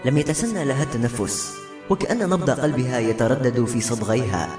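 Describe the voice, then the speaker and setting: A man reading a novel aloud with expressive storytelling, his pitch rising and falling freely. The room gives his voice a ringing echo, and soft music plays underneath. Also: a little fast. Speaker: narrator. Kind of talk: audiobook narration.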